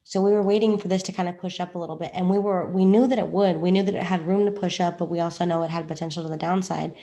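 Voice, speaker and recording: A woman's voice: on the low side, fairly even intonation, quick pace, mellow. A woman, a trading coach chatting through a chart in a rambling, self-joking way. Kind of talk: casual screen-share explanation.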